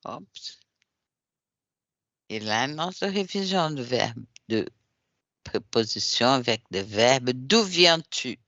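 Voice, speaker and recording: A Brazilian man, a native Portuguese speaker, teaches a French class over an online call, patiently correcting and repeating his students' answers as he drills questions. His mid-range voice is animated and sharp, slow with long pauses, and there is no echo.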